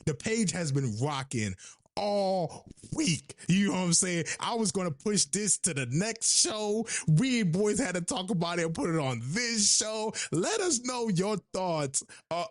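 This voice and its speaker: A high-pitched male podcast host who talks with a lot of swing in his voice, loud and playful, ribbing the guests. The sound is dry and close, with no room around it. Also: moderate pace, no room sound. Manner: loud, animated, playful teasing. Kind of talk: casual chat.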